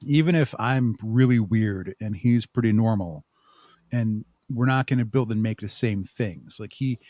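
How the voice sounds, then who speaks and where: The voice is lowish and mellow, moving at a measured pace on a clean studio recording with no room sound. It belongs to an audio drama creator guesting on a podcast, who gives casual, rambling, thoughtful and self-deprecating answers in conversation.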